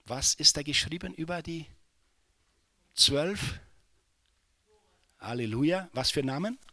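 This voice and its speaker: A male pastor delivers a sermon in a high, piercing, very bright voice. He drops to hushed, near-whispered passages and then rises into loud impassioned cries, slipping English exclamations in along the way. The recording is close and dry, with no room sound. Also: animated, takes it slowly, no room sound.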